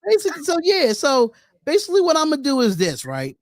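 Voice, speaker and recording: A man in his thirties co-hosting a casual sports podcast over a video call, relaxed and slangy as he reads chat comments aloud. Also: extremely high pitch, fast talker, a crowd in the background. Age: 30s. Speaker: podcast co-host.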